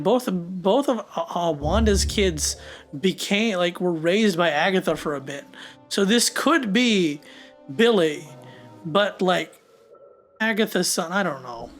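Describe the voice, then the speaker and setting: A young man hosting a reaction video, talking back to the screen with quick asides and laughs. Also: sits high, fairly bright tone. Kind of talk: casual reaction commentary.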